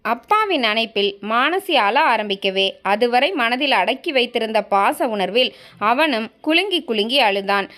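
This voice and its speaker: Woman telling a story, slightly high voice. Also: expressive, moderate pace, bright, forceful tone. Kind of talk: storybook narration.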